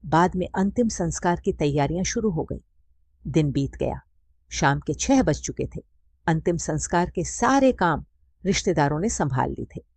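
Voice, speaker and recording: A woman's voice: lowish voice, darkish tone, slightly rough, no echo. A woman giving a mournful, scripted first-person story narration.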